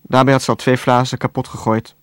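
A man reading a novel aloud as narrator, in a calm, even storytelling voice with a dry wit. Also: mid-range voice, quick pace, no room sound. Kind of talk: scripted audiobook narration.

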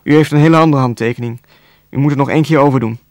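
A man's voice: mid-range voice, very fast, a little mellow, no echo, close to an everyday voice. Formal stiff waiter guy being insistent, read by a man, dry sound. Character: polite stiff male restaurant waiter.

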